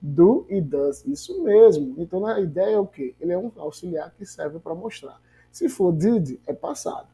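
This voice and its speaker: An English teacher gives a grammar lesson, asking rhetorical questions and drilling example phrases slowly. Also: medium pitch, very animated, mellow, poor audio.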